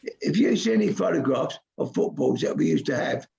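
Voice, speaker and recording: An older man with a deeply gravelly, husky voice that is fading and hoarse. He speaks in a fairly high register for a man and spins yarns with dry humour. The stream audio is muffled and lo-fi. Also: expressive, brisk, mellow. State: losing his voice. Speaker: guest, goalkeeping coach. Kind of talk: casual storytelling on a podcast.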